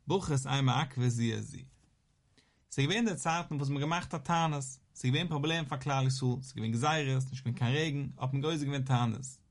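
A man giving a Talmud lesson, talking quickly in a rising and falling study chant. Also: mid-range voice. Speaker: Talmud teacher.

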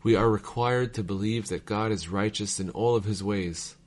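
A man reading old letters aloud in a measured, formal cadence, as a reader of devotional texts. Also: on the low side.

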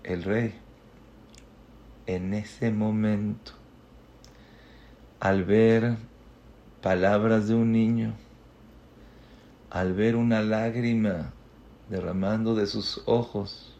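A man telling a moving story in a sermon, swinging between loud outbursts and hushed tones. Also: lowish voice, fairly even intonation, very slow, pauses often, lo-fi sound, slight background noise. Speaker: religious teacher.

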